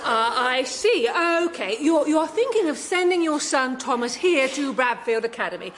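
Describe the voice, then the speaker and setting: Comedy role: apologetic, faltering female head teacher, high-pitched, inclined to raise her voice. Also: sing-song, moderate pace, crowd noise, noisy background. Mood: flustered, polite. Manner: hesitant, polite, prone to raised voice. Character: flustered, apologetic head teacher who shouts unawares. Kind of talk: sitcom-style comedy dialogue.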